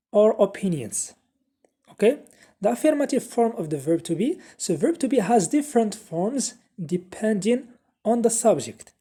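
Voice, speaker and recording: A woman with as her teaches a beginner English grammar lesson. Her voice is dark and soft, with a husky edge. She moves steadily and repeats each example sentence. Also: on the high side. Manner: slow, repeats example sentences with Arabic translations.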